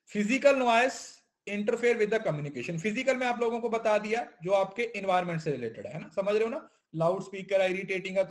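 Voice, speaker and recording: Male teacher, high voice, repetitive, keeps checking in with students. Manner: mixes in English terms. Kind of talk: classroom lecture.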